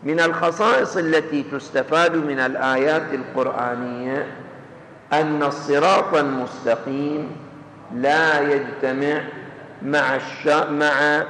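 A man delivering a Quranic exegesis lecture, measured and explanatory, restating his points. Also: fairly high pitch, fairly even intonation, fairly bright tone, a little hiss or hum. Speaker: religious lecturer. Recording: echoey hall with faint ambience.

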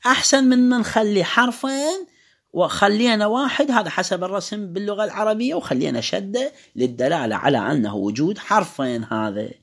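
Iraqi man teaching, lively pitch. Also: brisk. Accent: Iraqi Arabic. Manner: explanatory, demonstrates pronunciation by drawing out words. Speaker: religious teacher. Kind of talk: lecture on Quran recitation rules.

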